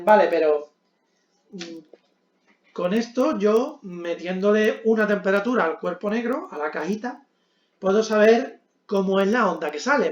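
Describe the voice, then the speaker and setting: A man's voice: sits high, reverberant, lo-fi sound. A man teaching a physics lesson at a board, explaining step by step with frequent check-ins and hesitant fillers.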